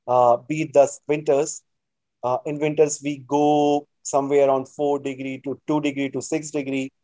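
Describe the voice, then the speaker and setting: A man with a North Indian accent and Hindi as his first language speaks in a dry, slightly dark voice. He talks casually as an interview guest, feeling his way through sentences with repeated phrases. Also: medium pitch, flat delivery, normal speed, dry recording. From New Delhi, India. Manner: hesitant, repetitive phrasing with frequent "like".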